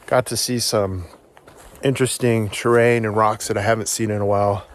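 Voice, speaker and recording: A man's voice: lowish voice, a little hiss or hum. A man vlogging outdoors on a forest hike, upbeat and encouraging, out of breath as he climbs. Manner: upbeat, encouraging, talks while hiking. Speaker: solo backpacking vlogger. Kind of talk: casual outdoor vlog to camera.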